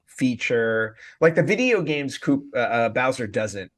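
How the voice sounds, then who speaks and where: A man's voice: medium pitch, big pitch swings, measured pace. A man co-hosting a podcast, talking casually and thoughtfully with many restarts and fillers. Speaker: podcast co-host. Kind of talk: casual chat.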